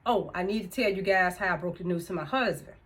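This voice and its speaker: A woman's voice: fairly low pitch, fast. A woman in her fifties chatting casually to camera as a vlogger, laughing often between thoughts. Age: 50s. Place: indoors, room with music she turned off.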